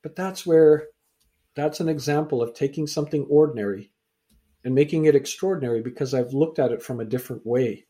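A man's voice: medium pitch, a little fast, mellow. A middle-aged man, born in England and raised in Canada, telling his story as an interview guest and acting out the exchanges he quotes. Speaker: author and guest. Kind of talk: conversational interview.

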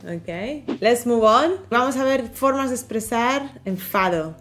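A woman's voice: on the high side, lively intonation, takes it slowly, fairly bright tone, faint music behind. A woman co-hosting a vocabulary lesson, leading with conversational prompting questions. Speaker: co-host.

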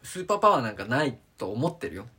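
A man's voice: mid-range voice, big pitch swings, racing, bright, forceful tone, breathy edge. A man co-hosting a casual podcast, earnest and musing, with a self-mocking streak. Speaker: podcast co-host. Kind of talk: casual chat.

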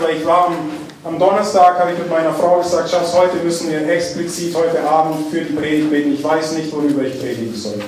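Emphatic German preacher in an echoing hall. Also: male voice, fairly high pitch, a little mellow, a little hiss or hum. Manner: emphatic, drawn-out stresses on key phrases. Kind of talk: sermon. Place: church hall. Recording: echoey church hall, mic at a distance.

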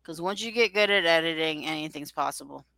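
A woman's voice: sits low, a little fast, creaky, pushed and bright, dry recording, rough recording. A woman hosting a podcast, chatting casually in loose, rambling sentences. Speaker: podcast host. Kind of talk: casual chat.

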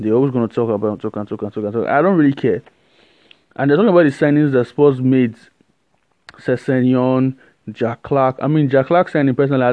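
Solo football podcast host, male, animated and rambling, mid pitch, dull dry recording. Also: dry recording. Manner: animated, rambling opinions with many fillers and restarts.

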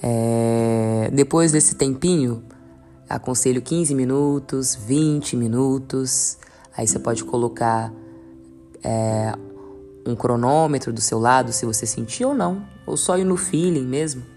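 A woman with a very deep, mellow voice guides listeners through a mantra and prayer practice. She speaks in a calm, earnest tone and repeats phrases slowly, over faint instrumental music. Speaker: spiritual guide. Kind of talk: guided meditation teaching. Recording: soft instrumental music behind.

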